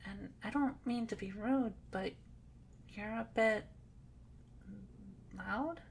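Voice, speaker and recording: A woman's voice: medium pitch, slow pace, creaky, slight background noise. A woman voicing a shy, nervous cat-eared girl in an ASMR role-play, hesitant and stammering. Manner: hesitant, stammering, soft-spoken.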